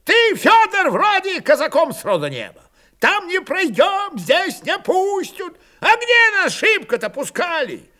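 A man voicing a wiry, hot-tempered old Cossack who shouts sarcastically. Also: very high voice, huge pitch swings, unhurried, voice pushed up, exaggerated voice. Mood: mocking.

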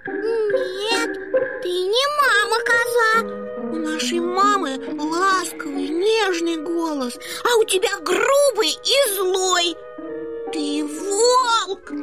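A woman voicing a group of small young goat kids with squeaky, piping, shrill voices. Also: lively intonation, extremely slow, heavily acted. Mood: defiant, scolding. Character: little goat kids, small, frightened and defiant. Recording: soft background music.

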